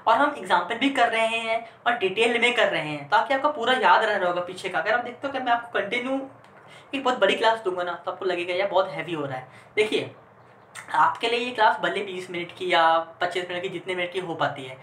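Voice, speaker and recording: A man explains bookkeeping entries step by step, pausing often to check that his students understand. He switches into English for the technical terms. The room gives his voice a noticeable echo, and a soft hum of ambient noise sits underneath. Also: high voice, animated. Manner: keeps checking that students follow along. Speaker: accountancy teacher. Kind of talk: online class lecture.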